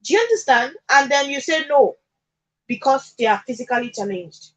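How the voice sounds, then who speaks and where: A Nigerian woman appears as a radio guest in a studio, discussing social issues in a conversational, advocating style. Her voice sits high and is expressive at a normal speed, and she emphatically repeats her points and checks that she's understood. The audio quality is poor.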